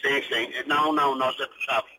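A truck driver from chats on a call-in line, his voice bright and a little tense. He keeps restarting and repeating words as he talks. A faint hiss of noise sits under the phone audio. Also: mid-range voice, fairly even intonation, moderate pace, rough recording. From Portugal. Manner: hesitant, repeats words often. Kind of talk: casual phone-in chat.

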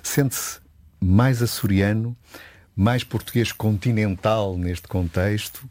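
A man's voice: lowish voice, takes it slowly, a little mellow. A man interviewing a guest, asking his questions politely and formally.

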